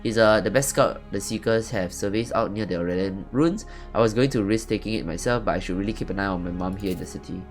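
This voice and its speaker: A man's voice: on the low side, fast talker, few pauses, soft background music, lightly acted. A man voicing an eager, earnest young village boy.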